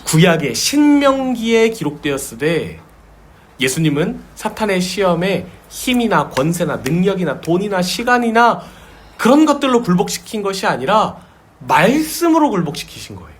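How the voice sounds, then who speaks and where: A man's voice: sits high, sing-song, normal speed, slight background noise. A male pastor preaching a sermon, stressing his points and repeating key words for emphasis.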